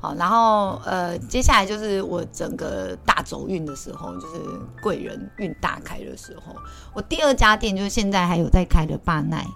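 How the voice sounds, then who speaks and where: A woman's voice: fairly low pitch, animated, normal speed, gravelly, few pauses, fairly bright tone, faint music behind. A woman in her thirties with a Taiwanese Mandarin accent, a guest chatting casually, talking freely and laughing easily. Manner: chatty, laughs often, acts out quoted people. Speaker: guest, bar owner. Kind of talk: casual storytelling chat.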